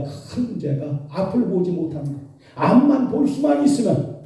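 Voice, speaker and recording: A man preaching a sermon as pastor, telling the story with animated voiced quotes. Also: on the high side. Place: church sanctuary. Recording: echoey church hall from far off.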